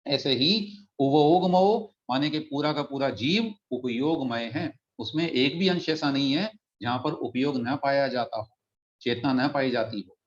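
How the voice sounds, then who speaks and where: Teaching a religious text online, this man takes his time, carefully walking students through pronunciation and chanting the verses at a slow pace. His pitch is medium, heard over dull, lo-fi audio.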